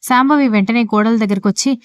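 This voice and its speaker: Brisk, clear woman storyteller. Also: on the high side, no echo, clean studio sound. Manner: brisk, steady reading. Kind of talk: scripted narration of an audio story.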